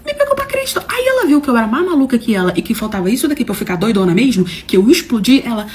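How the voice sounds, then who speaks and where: Fast-talking animated carioca woman. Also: fairly high pitch. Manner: animated, dramatic, slangy, swings loud and soft. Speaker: storyteller host. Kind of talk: casual storytelling to camera.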